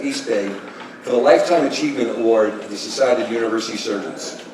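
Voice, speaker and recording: A man in his sixties giving a tribute speech, telling stories with chuckles and halting restarts. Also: medium pitch. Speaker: speaker giving a tribute talk. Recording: echoey room, distant mic, kitchen clatter.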